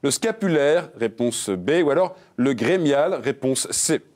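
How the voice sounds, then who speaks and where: A man's voice: medium pitch, expressive, darkish tone. A man hosting a religious quiz game show, reading questions and answer options with playful puns. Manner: playful, jokey, reads options briskly.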